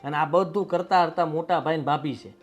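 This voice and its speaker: Brief: a high-voiced, indignant husband, played by a man who takes his wife's side. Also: brisk, faint music behind, close to an everyday voice. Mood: angry. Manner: indignant, scolding. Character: young husband siding with his wife against his mother. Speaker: son and husband. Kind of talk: family drama acting.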